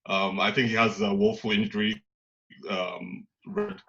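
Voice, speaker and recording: Man on a bright, lo-fi video call. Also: on the low side, expressive, vocal fry. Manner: halting, repeats words when starting. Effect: lo-fi video call audio. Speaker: football fan panelist. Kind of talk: casual debate. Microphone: computer or phone mic on a video call. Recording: dull lo-fi video call line.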